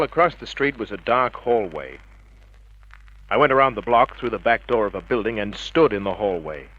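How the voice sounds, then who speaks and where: A male actor with a medium-pitched voice plays a tough, wisecracking private eye, narrating tersely and cockily in the hardboiled manner of an old radio crime drama. The recording sounds dull and vintage, like a radio drama.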